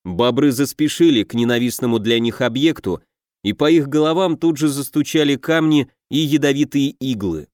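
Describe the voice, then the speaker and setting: A man narrating a fantasy audiobook in a steady, measured way. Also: medium pitch, no room sound, clean studio sound.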